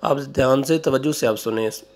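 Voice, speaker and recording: A man with a Pakistani Urdu accent teaching a Quran reading lesson, slowly drawing out syllables for pupils to repeat and then adding quick explanations. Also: mid-range voice, darkish tone. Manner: slow, drawn-out drilling of syllables with quick asides. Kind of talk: online recitation lesson.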